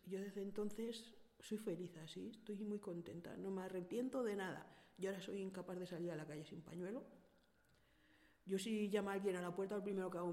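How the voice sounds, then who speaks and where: A middle-aged woman from Spain speaks with a Spanish accent in a mellow, warm voice. She tells her own story earnestly and directly, voicing the people in it as she goes. The recording carries a long, trailing reverb. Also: mid-range voice. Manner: earnest, direct storyteller who acts out past dialogue. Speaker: interviewee. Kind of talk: personal account in casual conversation.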